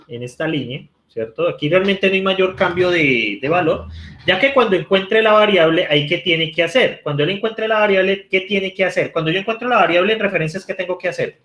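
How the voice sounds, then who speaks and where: Brisk and high, with lively intonation and a bit of brightness, the voice belongs to a male university lecturer from Colombia. He explains code live online in Colombian-accented Spanish, talking as he types and checking in with students by repeating "¿cierto?"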